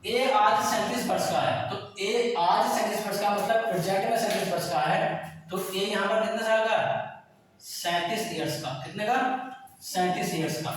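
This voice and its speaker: High-voiced man teaching in an echoey classroom. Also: slight background noise. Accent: Hindi. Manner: exhorting, keeps asking students to answer, repeats "ठीक है?". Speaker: coaching teacher. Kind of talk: classroom math lesson with motivational talk. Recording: echoey classroom, far from mic.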